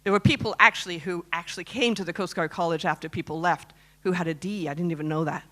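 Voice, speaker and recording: A Canadian woman in her 50s tells a personal story to a live audience from a conference stage, chatting and posing questions to listeners. Her voice is on the low side, fast and sharp.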